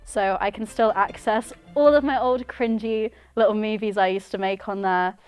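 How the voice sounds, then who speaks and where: A twenty-year-old woman from Brighton chatting in a documentary interview about her childhood games. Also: mid-range voice, fairly even intonation, normal speed, clear, resonant tone, faint music behind. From Brighton, England. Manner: chatty, reminiscing. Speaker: filmmaker and interviewee.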